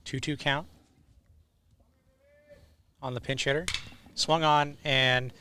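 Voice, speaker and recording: Male baseball play-by-play announcer, bright forward voice, live game commentary. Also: medium pitch, flat delivery, slow, clean tone.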